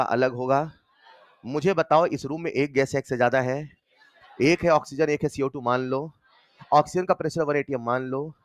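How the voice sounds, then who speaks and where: A male chemistry teacher with a slightly raised pitch lectures with animated energy. He keeps throwing rapid questions at his students. The recording is close and dry, with no room sound. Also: no echo. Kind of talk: classroom lecture.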